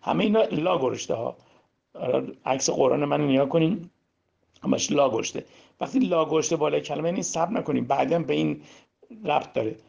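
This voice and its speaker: Male preacher, gravelly and slightly high, sermon on scripture, rhetorical Q&A, loud-to-hushed swings, dull lo-fi recording. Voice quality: husky. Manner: asks and answers his own rhetorical questions; swings between loud emphasis and hushed demonstration. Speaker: religious teacher. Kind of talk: sermon explaining Quran verses.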